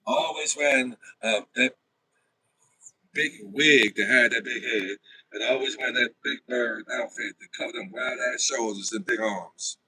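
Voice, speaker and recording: A man hosting a livestream, talking straight to his viewers in an animated, casual way. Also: mid-range voice, a little slow, breathy edge, poor audio. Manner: animated, talks to viewers directly. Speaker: livestream host.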